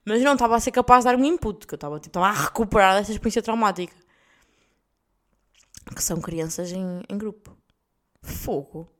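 A woman's voice: mid-range voice, expressive, brisk, pauses often, a bit bright. A young adult woman with a European Portuguese accent, hosting a podcast and telling a story in casual chat, laughing often and swearing freely in slangy speech. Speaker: podcast host.

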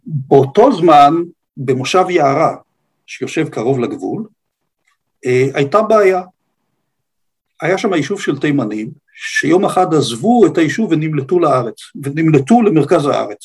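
An older man with an Israeli accent and a slightly husky voice, giving an unscripted historical account as a guest, in halting, deliberate phrases. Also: on the high side, big pitch swings. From Israel, grew up on a kibbutz.

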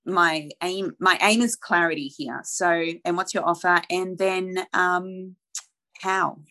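A woman with a slightly low voice talks through brand strategy as a podcast guest. She speaks earnestly, peppering her explanations with rhetorical questions and casual fillers. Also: fairly even intonation, takes it slowly, pushed and bright. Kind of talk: conversational explaining.

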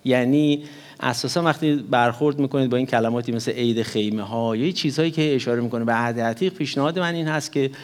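A man preaching a sermon, teaching with animated rises in emphasis and now and then slipping English words into his talk. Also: medium pitch. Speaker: pastor.

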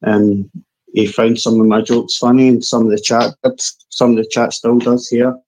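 A man's voice: mid-range voice, level tone, moderate pace, a little mellow, slight background noise, low-quality recording. Man with a broad Scottish accent. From Scotland. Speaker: call-in guest. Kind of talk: casual reminiscing.

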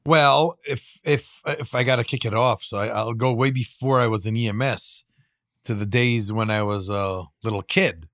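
A man's voice: medium pitch, fairly even intonation, moderate pace, fairly bright tone, dry recording, studio quality. A man of about fifty from Israel co-hosts a podcast. He tells personal stories casually, repeating words as he goes, in a mid-range voice with very little room sound. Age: around 50. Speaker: podcast co-host and emergency responder.

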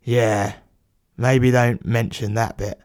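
A man's voice: mid-range voice, unhurried, darkish tone, dry recording, studio quality, close to an everyday voice. A man putting on a blunt plumber. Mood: cheeky. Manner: blunt, matey, slangy. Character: cheeky working-class male plumber, blunt.

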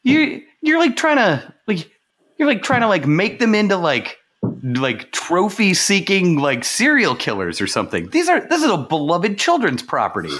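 A man co-hosting a casual podcast over a remote call, playful and teasing. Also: moderate pace. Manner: teasing, playful, very animated pitch. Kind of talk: casual chat.

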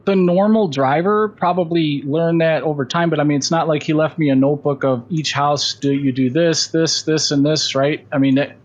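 A delivery driver, a man, talking calmly and a little apologetically over a phone call from his car on speakerphone. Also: a little high, moderate pace, hardly any pauses. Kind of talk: phone conversation.

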